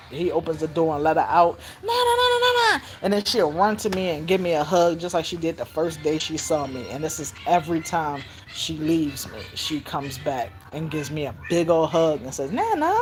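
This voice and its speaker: Older woman, casual storytelling, animated, low-pitched, slight background hum. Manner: animated, acts out the child's and her own shouts in high squeals. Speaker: grandmother raising her granddaughter.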